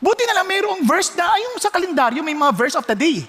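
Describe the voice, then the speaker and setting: Animated Filipino man preaching in a hall. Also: very high-pitched, fast talker. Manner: animated preaching mixing Tagalog and English, with sudden loud exclamations. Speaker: pastor. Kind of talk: sermon.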